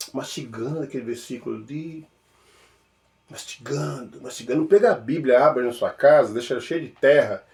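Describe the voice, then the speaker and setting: A medium-pitched spiritual speaker with a Mineiro Brazilian Portuguese accent gives an informal teaching. Playful and animated, he alternates between loud exclamations and softly murmured repetitions.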